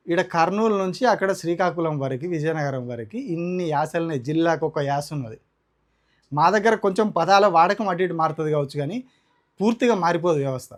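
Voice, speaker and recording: A man from Telangana speaking with a Telangana Telugu accent, delivering heated, combative opinion commentary as a political commentator. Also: high voice. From Telangana, India. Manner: indignant, combative, rhetorical.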